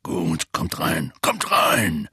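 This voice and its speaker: A man voicing a huge, gruff but gentle-hearted gamekeeper with a rough, rumbling voice in an audiobook. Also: huge pitch swings, no echo, clean studio sound, exaggerated voice. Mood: reassuring. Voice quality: rough, gravelly voice. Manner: slow, rumbling, muttering. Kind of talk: audiobook character voice.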